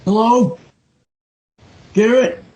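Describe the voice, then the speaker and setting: A man chatting casually on a group call, animated and halting, with drawn-out phrases. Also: very high-pitched.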